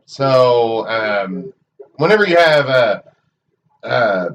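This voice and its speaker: A man from Oklahoma with an Okie accent rambles casually and haltingly as a sports livestream commentator chatting during a match stream. His mid-range voice is animated and fairly bright, heard through a muffled, distant mic with background noise.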